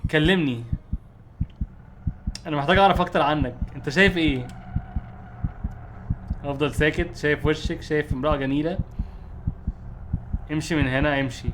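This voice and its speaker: A man's voice: on the high side, brisk, long pauses, background noise, close to an everyday voice. A man voicing a lonely widow's ghost. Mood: eerie. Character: lonely widowed woman spirit seeking company.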